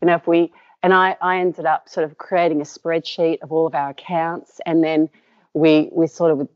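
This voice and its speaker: Middle-aged Australian woman, business founder, low voice, dry dull lo-fi sound, chatty with lots of "um". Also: level tone, moderate pace, a little mellow, no echo. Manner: rambling with many fillers and restarts. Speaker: company co-founder. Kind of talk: interview guest, storytelling.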